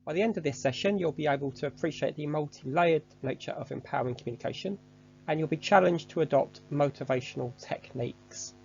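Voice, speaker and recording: A man giving a measured, structured, scripted online lesson as a course instructor. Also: a little high, gravelly, a little mellow, dull audio, a little hiss or hum.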